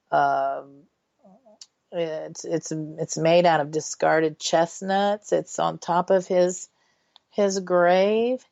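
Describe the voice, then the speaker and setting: A female radio host tells stories in an informal way, often checking in with her listeners. Her voice is low and slow, and the recording sounds a bit dull and lo-fi. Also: gravelly, a little mellow, no room sound. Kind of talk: informal paranormal radio storytelling.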